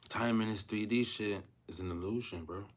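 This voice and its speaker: A man's voice: lowish voice, moderate pace. A man in his thirties talking casually to viewers on a livestream, rambling and repeating himself, often asking if they feel him. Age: 30s. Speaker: vlogger.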